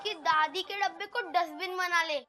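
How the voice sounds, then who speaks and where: A woman voicing a very high-voiced young boy. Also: steady tone, moderate pace, over a noisy crowd, very noisy. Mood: matter-of-fact. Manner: matter-of-fact. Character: young boy, earnest grandson. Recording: TV serial with loud music.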